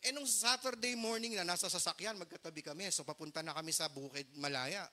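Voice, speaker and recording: A man's voice: high-pitched, fast talker, bright, forceful tone. A middle-aged man preaching a storytelling sermon as pastor, earnest and mixing English phrases into his Tagalog.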